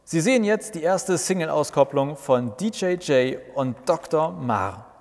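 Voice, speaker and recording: A man's voice: on the high side, lively intonation, unhurried, vocal fry, a little mellow, voice pushed up. A man voicing a cheeky, joking adult male Jesus who teases and announces like a showman, in a reverberant recording. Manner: teasing, showman-like. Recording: long reverb.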